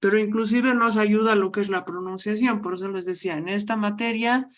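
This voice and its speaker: A woman's voice: medium pitch, fairly bright tone. A woman giving a university language lecture, repeatedly telling students to look closely and stressing question words. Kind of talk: online class lecture.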